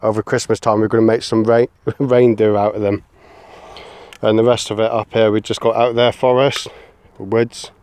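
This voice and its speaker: Fairly low-pitched and level, this clean, slightly mellow male voice moves at normal speed in a dry recording. He's a young bushcraft vlogger from England with an English accent, talking casually on a handheld camera as he camps with his son in woodland and on a grassy campsite.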